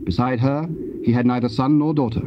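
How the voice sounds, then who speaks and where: A man narrating scripture from a script in a solemn, measured and formal way. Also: medium pitch, steady tone. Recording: muffled old cassette, faint hiss.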